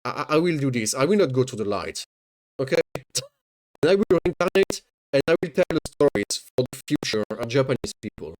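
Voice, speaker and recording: Watching a video on stream, this man mocks it with sarcasm, swearing and joking in casual commentary. His medium-pitched, darkish voice is expressive and fairly quick, he stammers and repeats himself, and the recording is rough.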